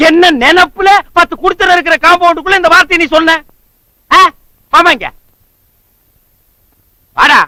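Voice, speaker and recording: A broke, boastful drunkard of a husband, all sarcasm and loud mockery in a film comedy. His voice sits very high and sounds intensely bright and sharp, with a dry, close sound. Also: normal speed, pauses often, no room sound, exaggerated voice, low-quality recording. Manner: sarcastic, mocking, loud insults. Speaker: comic actor.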